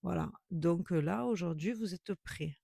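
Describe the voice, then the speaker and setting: Gravelly man giving a reassuring tarot reading. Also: sits high, unhurried, warm tone, dry recording, studio quality. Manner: reassuring, repetitive, many fillers and restarts. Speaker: tarot reader. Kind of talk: tarot reading addressed to a viewer.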